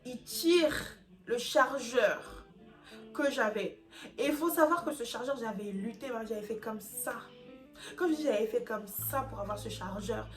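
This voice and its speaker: A young woman from France telling a dramatic storytime in a casual vlog, in lively, slangy street talk. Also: a little high, normal speed. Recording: music playing underneath.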